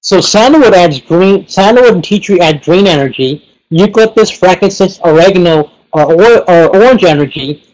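A man's voice: high-pitched, animated, normal speed, darkish tone, rough recording. A man giving a casual webinar lesson, rambling and leaning heavily on fillers like "you know" and "like". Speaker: pranic healing teacher.

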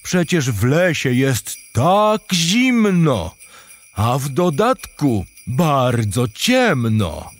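A man voicing a jolly, grandfatherly old Santa Claus in a children's audio drama, over soft Christmas music. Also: medium pitch, sing-song, very slow, exaggerated voice. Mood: gently scolding. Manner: grandfatherly, scolding gently. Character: jolly old male Santa Claus, stern yet kind. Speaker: voice actor.

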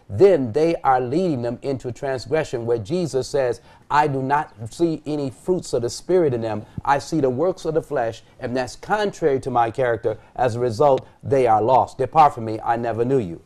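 A man's voice: medium pitch, brisk, hardly any pauses, mellow. A middle-aged male pastor on a TV studio panel, reading Bible verses aloud and asking rhetorical questions that he then answers. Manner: reads scripture aloud, poses rhetorical questions and answers them. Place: TV studio set at a desk.

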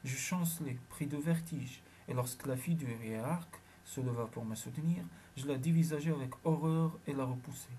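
A man narrating a science fiction audiobook in the first person, measured and dramatic. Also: medium pitch, dark tone, a little hiss or hum.

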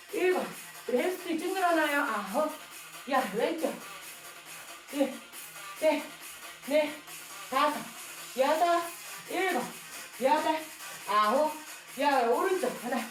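High-pitched woman counting out workout reps. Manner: counts reps aloud with short, clipped commands; audible exhaling between counts. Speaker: home workout instructor. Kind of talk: workout coaching with rep counting. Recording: roomy echo with music behind. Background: music.

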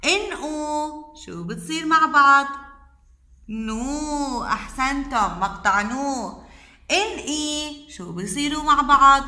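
A woman, teaching a kindergarten class in a high, lively voice that climbs and falls all the time. She draws out each sound in a sing-song and praises the children again and again. The recording has an echoey room sound. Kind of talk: teaching letters and syllables to young children.

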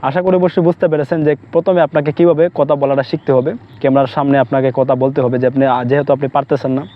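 A man's voice: mid-range voice, little pitch movement, fast, highs cut off. A man giving rambling, repetitive casual advice to camera, with many restarts. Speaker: vlogger.

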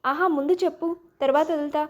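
A woman's voice: sits high, steady tone, quick pace, lo-fi sound, close to an everyday voice. A woman voicing a young husband and father who is teasing and exasperated, with a playful, pleading manner, in a storybook reading.

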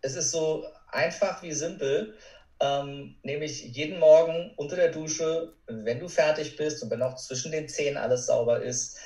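Speaking as a podcast guest, a courage coach talks directly to the listener in an informal, emphatic, motivational way. His voice is fairly high but dark in tone, at a normal speed, and he sounds distant from the mic in a roomy, echoing space.

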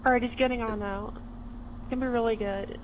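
A man's voice: very high voice, steady tone, fairly quick, background noise. A man voicing a casual young woman gamer in a gender-swapped feminine voice, chatting in a prank.

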